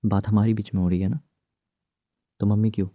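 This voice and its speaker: A man voicing a young husband married to his ex, gruff but tender, in a hushed, soothing, teasing whispered role-play. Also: fairly low pitch, level tone, fairly quick, lightly acted.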